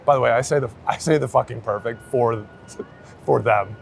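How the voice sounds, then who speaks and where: Speaking at a moderate pace with vocal fry in a mid-range voice, a man being interviewed as a street photographer keeps things casual, slangy and sweary. The outdoor city setting brings traffic noise into the recording.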